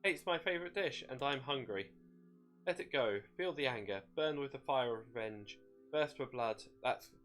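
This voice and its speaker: A man's voice: mid-range voice, expressive, moderate pace, a bit bright, faint music behind, lightly acted. A man voicing a gleeful, bloodthirsty demon shade, mocking and wheedling in folksy slang as in a dramatic story. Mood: coaxing.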